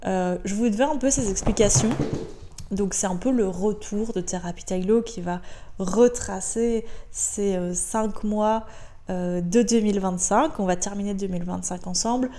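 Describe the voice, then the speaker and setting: Speaking into a podcast microphone, a French-accented Belgian woman delivers a chatty, upbeat solo monologue on her own show, full of filler sounds and repetition. Her voice is medium-pitched and mellow, at a moderate pace.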